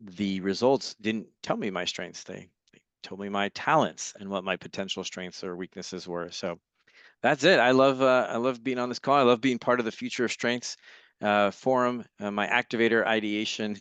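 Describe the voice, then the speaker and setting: A man from Los Angeles, a guest facilitator, talking enthusiastically in a conversational interview over a video call, telling lively stories. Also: on the low side, moderate pace, smooth, no room sound. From Los Angeles, United States.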